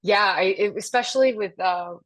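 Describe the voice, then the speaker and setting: Here a Danish-born woman in her thirties, raised in Denmark, chats casually as an interview guest. Her medium-pitched voice moves at a normal speed, and she's animated, laughing frequently and restarting sentences with plenty of fillers.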